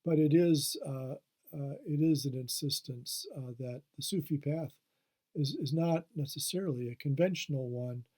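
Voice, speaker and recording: A man's voice: a little high, moderate pace, dark tone. A man, a history professor, giving a recorded lecture, hesitant with many fillers and restarts.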